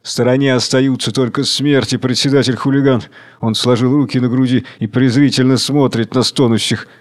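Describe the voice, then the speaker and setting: A man reading the stage directions of a play in a measured, even way. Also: mid-range voice. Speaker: reader.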